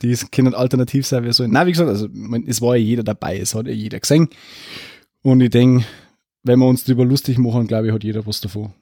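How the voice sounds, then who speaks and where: A man co-hosting a casual podcast, teasing his partner with quick quips. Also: medium pitch, fairly even intonation, darkish tone, no room sound, studio quality. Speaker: podcast co-host. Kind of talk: casual banter.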